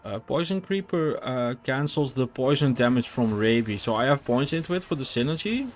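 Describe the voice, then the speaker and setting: A man's voice: medium pitch, lively intonation, normal speed, slight background noise. A young Dutch man with a Dutch accent, chatting casually while streaming a game, rambling with fillers and restarts. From Netherlands. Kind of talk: casual gameplay chat.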